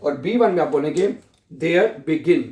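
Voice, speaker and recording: Slow, patient language teacher, a man. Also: on the high side, animated, darkish tone, roomy sound. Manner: slow, repeats each word several times as a drill. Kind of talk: vocabulary lesson explained in Urdu.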